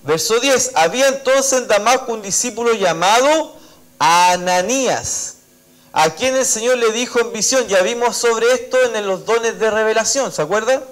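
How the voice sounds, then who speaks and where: Chilean pastor preaching at a church service, male, high tenor voice, reads scripture aloud, acts out the dialogue, keeps saying amén. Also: normal speed, a bit bright, rough recording. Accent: Chilean Spanish. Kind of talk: sermon.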